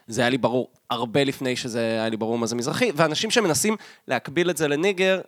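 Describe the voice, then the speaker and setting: A man's voice: medium pitch, no echo, clean studio sound. An Israeli man in casual podcast conversation as a co-host, talking colloquially and insistently, often repeating himself for emphasis.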